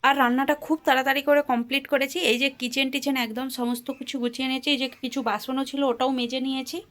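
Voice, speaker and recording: A woman's voice: sits high, little pitch movement, quick pace, fairly bright tone. A young woman narrating a daily-life vlog, chatting directly to her viewers as she goes about her day. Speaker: vlogger. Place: home, market and railway stations. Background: street and vehicle noise.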